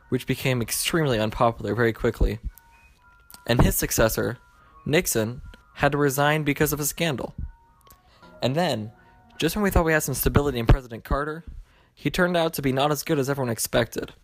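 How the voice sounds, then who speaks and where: A man's voice: medium pitch, dry recording, lightly acted. A man narrating as a character looking back on his life, in plain, matter-of-fact scripted storytelling.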